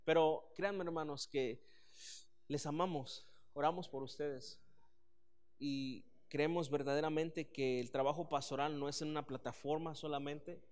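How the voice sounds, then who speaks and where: A man, preaching a sermon as pastor, earnest and animated with frequent restarts. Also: a little high, measured pace.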